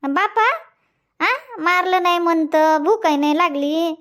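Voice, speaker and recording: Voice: very high voice, a little slow, fairly bright tone. An actor voicing a fussy, nagging village grandmother in a cartoon comedy, speaking with a Vidarbha Marathi accent and repeating her questions as she chides.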